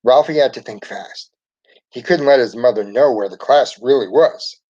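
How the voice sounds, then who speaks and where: Brief: man narrating a kids' storybook, steady mid pitch, dull lo-fi recording. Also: moderate pace. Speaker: storybook reader. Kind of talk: reading a children's book aloud.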